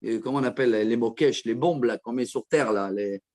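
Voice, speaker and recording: A man teaching a Torah class as a rabbi, explaining verses with quick asides to his listeners. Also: medium pitch, a little mellow. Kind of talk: Torah lesson.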